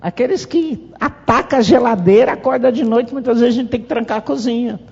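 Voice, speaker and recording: Middle-aged woman, brazilian accent, husky voice, lively storytelling with acted-out quotes, dull lo-fi hall recording. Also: a little high, fairly quick. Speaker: mother and parent-association speaker. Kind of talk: public talk at a family meeting. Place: conference hall. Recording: reverberant hall, dull lo-fi sound.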